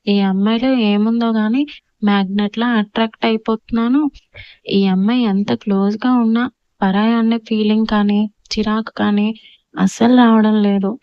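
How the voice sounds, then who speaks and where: A woman's voice: mid-range voice, flat delivery, moderate pace, clear, resonant tone, dry recording, muffled recording, close to an everyday voice. A woman voicing a playful young husband who muses to himself and teases his new wife. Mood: musing.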